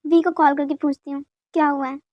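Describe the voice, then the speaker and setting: A woman playing a fretful middle-aged mother who keeps asking what went wrong, in a very high, quick voice. The recording is dry and close. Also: little pitch movement, no echo, lo-fi sound, natural voice. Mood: worried. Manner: concerned questioning.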